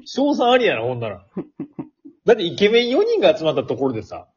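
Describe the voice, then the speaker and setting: A man's voice: sits high, huge pitch swings, fast, slightly rough, lo-fi sound. A man with an Osaka-area Kansai accent in jokey casual banter as a radio talk co-host, often repeating himself for emphasis. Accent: Osaka-area Kansai Japanese. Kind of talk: casual two-person banter.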